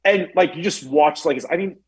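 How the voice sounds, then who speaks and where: His voice is fairly high and breathy, at a moderate pace, and the audio is poor. This Chicago-area man is a guest commentator on a talk show, casually spinning stories full of fillers and animatedly performing other people's words.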